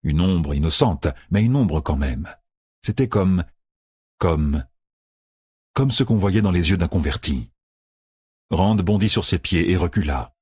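Very husky deep-voiced male narrator. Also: expressive, unhurried, pauses often, a little mellow, no echo. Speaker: audiobook narrator. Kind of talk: scripted narration. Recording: dry close recording.

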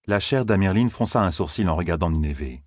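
A man reads a fantasy audiobook with measured, even delivery. His voice is very low and husky, recorded close and dry. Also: dry recording. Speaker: narrator. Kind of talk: audiobook narration.

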